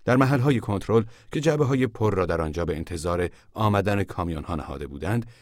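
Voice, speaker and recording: Deep guy reading an audiobook, steady and measured, dry sound. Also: no room sound. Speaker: narrator. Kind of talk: audiobook narration.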